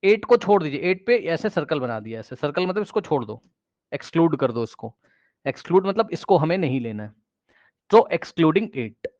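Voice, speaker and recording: Man, math teacher, high voice, asks the class questions, repeats key words, switches into English for math terms, dull dry recording. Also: very animated, moderate pace, darkish tone, no echo. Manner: addresses students directly, asks questions, repeats key phrases; mixes English math phrases into Hindi explanation.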